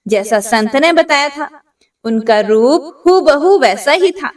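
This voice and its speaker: A woman narrating a devotional story in a gentle way, addressing devotees directly. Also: high-pitched, animated, takes it slowly. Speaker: religious storyteller. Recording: voice distant from the mic.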